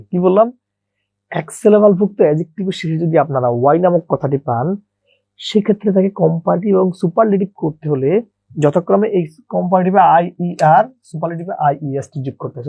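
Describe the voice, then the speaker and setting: A man's voice: high voice, vocal fry, mellow, husky, dry recording, lo-fi sound. Man teaching grammar, dry close mic. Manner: repeats questions and answers them himself, calls listeners brother. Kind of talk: online grammar lesson.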